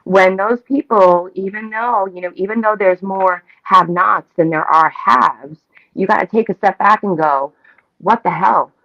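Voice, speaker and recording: A talk show co-host from Staten Island, New York, chats in an animated, opinionated way, emphatic, repetitive and casually profane. Her voice is mid-range and fairly bright, her pace unhurried, and the dull-sounding audio has no room sound.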